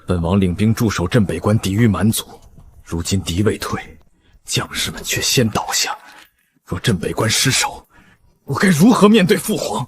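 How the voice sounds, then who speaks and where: An actor playing an anguished, devoted warrior prince in a historical drama, speaking in impassioned, formal archaic declamation. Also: male voice, fairly low pitch, expressive, normal speed, natural voice. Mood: grave despair.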